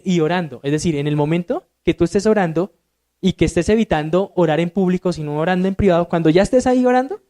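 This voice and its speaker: A man's voice: high voice, darkish tone. A man, a deacon teaching a Sunday school Bible class in an emphatic way, often checking in with his listeners through rhetorical questions.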